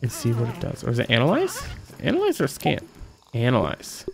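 A man's voice: medium pitch, wildly swooping pitch, a little fast, vocal fry, soft background music. A man streaming a video game, thinking aloud in a rambling, jokey way. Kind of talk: casual gameplay commentary.

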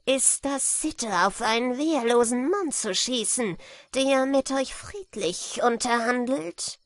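A woman voicing a male robber leader who bargains in a slow, measured, threatening way. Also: very high-pitched, a bit bright, no room sound, clean studio sound, pitched above the performer's own voice, full character voice.

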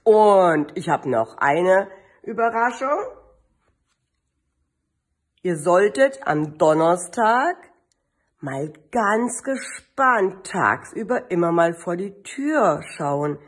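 Lively, slow-reading kindergarten teacher woman. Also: on the low side. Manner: slow, lively storytelling with sing-song refrains. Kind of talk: reading a picture book aloud to children.

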